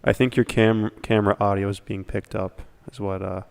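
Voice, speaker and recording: A man with a somewhat low voice chats loosely on a podcast livestream. He jokes around and reads messages from the chat. His tone stays playful and relaxed. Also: normal speed, gravelly, clean tone. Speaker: podcast co-host.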